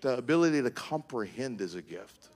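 A middle-aged male pastor preaching a sermon, moving from quiet reflection to shouted, sing-song calls to the congregation. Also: medium pitch, lively intonation, fairly quick.

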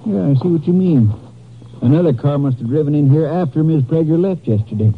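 A man playing a plain-spoken, helpful sheriff with a husky voice in a radio crime drama. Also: fairly high pitch, animated, brisk. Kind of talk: old-time radio crime drama acting. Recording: muffled vintage radio recording.

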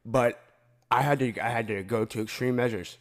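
A man's voice: medium pitch, steady tone, normal speed. A man co-hosting a podcast, talking in earnest, emphatic comedic banter. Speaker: podcast co-host.

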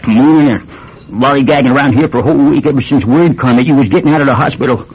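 Gruff old New farmer. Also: male voice, medium pitch, fast talker. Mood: curt, grudging. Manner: gruff, terse, folksy. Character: stern, grudging old New England farmer father. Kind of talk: radio drama acting. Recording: dull radio recording with faint noise.

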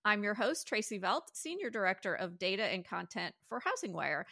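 A woman's voice: mid-range voice, sing-song, moderate pace, creaky, pushed and bright, no room sound, studio quality. A woman hosting a podcast interview, chatty and casual, with fillers and light self-deprecating asides. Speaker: podcast host.

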